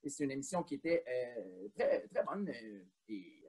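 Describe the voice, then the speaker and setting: Chatty co-host with husky voice. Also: male voice, medium pitch, big pitch swings, measured pace, mellow. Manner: counts down, chatty with many fillers. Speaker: quiz co-host. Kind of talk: casual quiz co-hosting.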